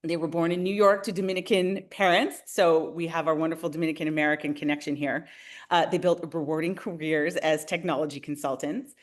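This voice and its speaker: A woman's voice: sits low, fairly even intonation, fairly quick. A woman in her forties from Canada, a realtor hosting a webinar, who talks in a friendly, enthusiastic way and speaks straight to her viewers. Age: 40s. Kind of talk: upbeat webinar presentation.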